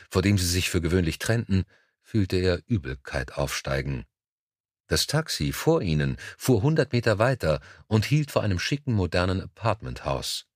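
An older man narrates an audiobook in a calm, measured way. His voice sits very low. The recording is dry and close, with no room sound. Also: no echo.

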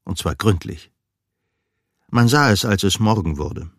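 Male audiobook narrator, lowish voice, very animated delivery, dry close sound. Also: measured pace, vocal fry, no echo. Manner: expressive, lively, with big dynamic shifts. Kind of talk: audiobook storytelling.

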